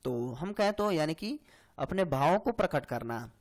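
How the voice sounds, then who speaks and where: Male tutor with a high voice, for an exam-prep grammar lesson; slow, repetitive, keeps checking the student follows. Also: animated. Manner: explains slowly, repeats lines, frequent "hai na" and "theek hai". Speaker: Hindi grammar teacher.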